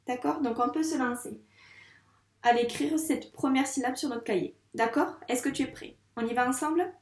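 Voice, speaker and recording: A woman's voice: high-pitched, moderate pace, reverberant. A young woman teaching handwriting to young children, patiently asking questions and answering them herself. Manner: patient, questions and answers her own prompts. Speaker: primary school teacher.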